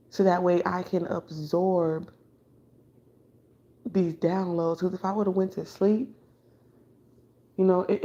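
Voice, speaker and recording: A low-voiced, mellow woman who reads tarot rambles through a late-night spiritual monologue after a sleepless night. She is blunt, swears casually and keeps restarting her sentences. The audio is dull and lo-fi. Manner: loose, conversational, with filler words and frequent restarts. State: up all night without sleep. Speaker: tarot reader.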